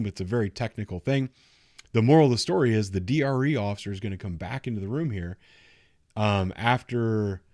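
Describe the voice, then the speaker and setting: A man's voice: lowish voice, a little mellow, no echo, studio quality. A man giving unscripted, instructive commentary on video footage in a matter-of-fact way. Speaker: commentator reviewing police footage.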